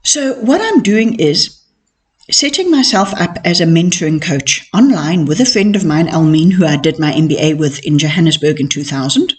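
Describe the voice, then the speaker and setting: Middle-aged woman with soft w-like R's. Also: sits low, expressive, normal speed. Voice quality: cannot pronounce R's properly, softened w-like R. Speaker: podcast host and mentoring coach. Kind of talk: personal storytelling monologue.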